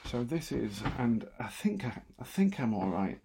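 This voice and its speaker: A man talking quietly and wryly at night from a room in his house, hosting a solo radio show with lots of asides and restarts. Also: mid-range voice, big pitch swings, moderate pace, creaky, slight background noise. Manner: self-deprecating, wry, full of asides and restarts; talking quietly, half-whispering at times. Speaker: radio host. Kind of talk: rambling late-night solo radio chat.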